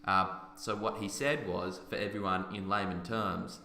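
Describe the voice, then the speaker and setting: Deep forceful man, roomy room. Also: little pitch movement, normal speed, vocal fry, slight background noise. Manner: emphatic and argumentative. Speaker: podcast host. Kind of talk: casual opinion chat.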